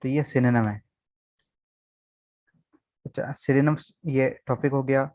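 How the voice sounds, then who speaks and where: A man gives an online vocabulary lesson, working through each word step by step and checking in with his students. His voice sits at an ordinary middle pitch. The audio is dull and dry, as through a video call. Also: steady tone, slow, a little mellow, no room sound. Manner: explains step by step, often checks with "okay". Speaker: English teacher.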